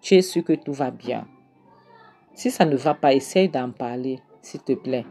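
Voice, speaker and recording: An anxious daughter presses her father with gentle, pleading questions, as a woman narrator puts her on. The voice sits low, and soft music plays faintly underneath. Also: unhurried, exaggerated voice. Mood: concerned.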